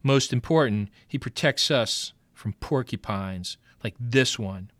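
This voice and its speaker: A man's voice: medium pitch, takes it slowly, a bit bright, no room sound. A man reading aloud and voicing a grave, self-important older male mouse who lectures young mice about their enemies. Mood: grave, pompous.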